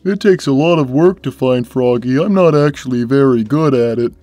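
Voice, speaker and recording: A woman voicing a big, gentle, innocent male cat in a cartoon, simple and mild in manner. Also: a bass voice, normal speed, no echo, faint music behind. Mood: earnest. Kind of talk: in-character cartoon Q&A.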